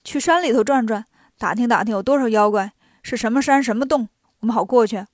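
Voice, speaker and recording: A woman voicing a clever, mischievous male monkey king who talks briskly and teasingly, for a children's story. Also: fairly high pitch, a little mellow, no echo, clean studio sound, close to an everyday voice. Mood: explaining. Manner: brisk, teasing, quick-witted.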